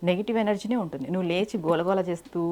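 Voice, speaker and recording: A woman's voice: on the low side, rapid-fire, dark tone. A woman giving devotional advice in a direct, instructive way, often asking rhetorical questions. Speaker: spiritual speaker.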